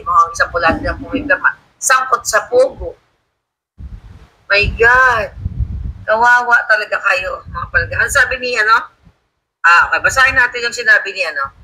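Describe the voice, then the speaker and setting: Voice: medium pitch, pushed and bright, slight background noise, poor audio. A livestream host giving scornful, combative political commentary and reading viewer comments aloud. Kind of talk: casual live commentary. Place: home studio.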